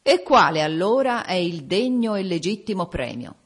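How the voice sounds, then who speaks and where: A woman's voice: lowish voice, very animated, unhurried, a little mellow. A woman voicing a mocking, grinning old male ghost who questions a gravedigger brusquely.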